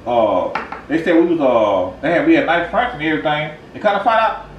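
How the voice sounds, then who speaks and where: A man's voice: fairly high pitch, animated, fast, recorded from a distance, muffled recording. Stammering man in a roomy echo. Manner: stammering, repeats words, tags lines with "though". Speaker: comedy vlog co-host. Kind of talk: comic improvised chat. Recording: roomy echo, from off-mic, faint noise.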